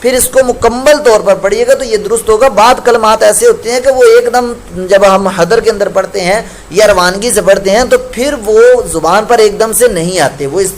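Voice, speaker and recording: A male Quran recitation teacher giving a patient lesson, explaining common mistakes and chanting each example slowly. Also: sits high, a little hiss or hum.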